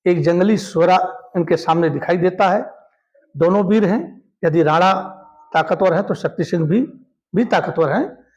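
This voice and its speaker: A man with a high voice tells a history story as a lesson. He is animated and speaks to his listeners as friends. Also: unhurried, highs cut off.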